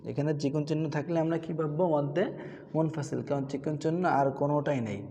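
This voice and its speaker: Man teaching Quran reading, dark voice. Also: fairly high pitch, steady tone, fast talker, long reverb tail. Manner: asks questions and answers them himself, repeats syllables. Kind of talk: tajweed lesson with recitation drills.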